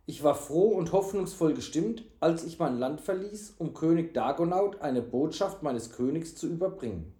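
A man's voice: fairly high pitch, lively intonation, normal speed, hardly any pauses, dark tone, lightly acted. A man voicing an earnest, reflective knight recalling his journey. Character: earnest male envoy knight. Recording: echoey room.

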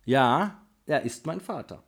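Earnest teenage squire, male reader, quiet, hesitant, storybook reading. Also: mid-range voice, lively intonation, slow, slightly rough, heavily acted.

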